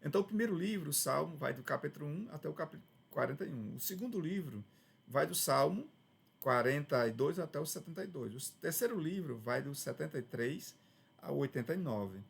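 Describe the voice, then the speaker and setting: A man's voice: a little high, lively intonation, a little fast, gravelly, breathy edge. A man with a Brazilian Portuguese accent giving a conversational Bible study lesson, often checking in with "né?" and restarting phrases. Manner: conversational, frequent "né?" tags and restarts. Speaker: Bible teacher.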